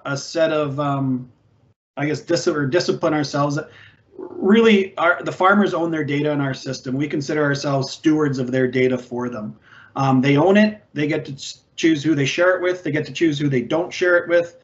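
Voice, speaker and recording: A fairly high-voiced man in his forties talks over a video call, chatty and halting, full of ums and restarts. The audio is dull and lo-fi, like a typical online meeting. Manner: conversational, many fillers and restarts. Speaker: ag tech company representative. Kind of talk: video call panel discussion. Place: indoors, virtual background.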